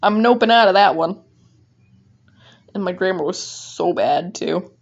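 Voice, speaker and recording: Through a dull, lo-fi mic, a fan fiction writer reads her own story aloud in a relaxed way, stopping now and then to chat about it. She speaks a little slowly in a low-sitting voice.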